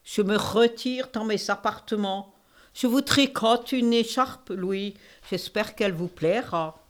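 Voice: medium pitch, takes it slowly, natural voice. A performer playing a haughty, sardonic queen with a put-on Eastern French accent in a comic sketch. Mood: dry. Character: haughty, sharp-tongued queen, adult woman.

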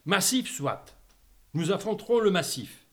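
A man's voice: sits high, sing-song, a little slow. A man playing a pampered, petulant, childish king in a comic sketch, sing-song and capricious. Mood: whiny.

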